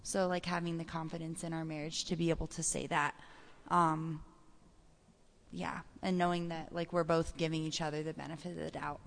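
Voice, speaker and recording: A woman's voice: low-pitched, little pitch movement, moderate pace, vocal fry. A young woman talking casually and earnestly, with many hesitations and fillers. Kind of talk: casual conversation. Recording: long hall reverb.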